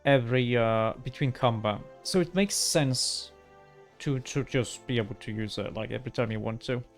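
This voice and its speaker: A man streaming a video game in an average-pitched voice. He comments casually and hesitantly, half to himself, with faint music in the background. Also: normal speed. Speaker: gaming streamer.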